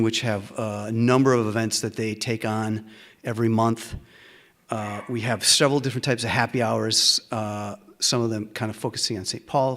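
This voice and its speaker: Halting man opening a community meeting. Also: lowish voice. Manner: halting, frequent uh and um fillers, tries to slow down. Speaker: organization vice president opening a community meeting. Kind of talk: welcoming announcements at a community gathering. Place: meeting room with a live audience.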